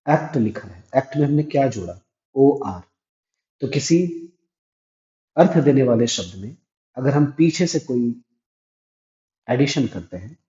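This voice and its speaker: A male English grammar teacher with a dark, echoey, mid-range voice gives a classroom-style grammar lesson. He explains things step by step, posing questions and then answering them himself. The recording comes from an echoey room and sounds dull and lo-fi.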